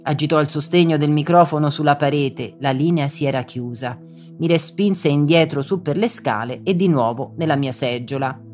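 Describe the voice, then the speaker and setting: An audiobook narrator reading a first-person story in a measured, dramatic way. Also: medium pitch, a little mellow, soft background music.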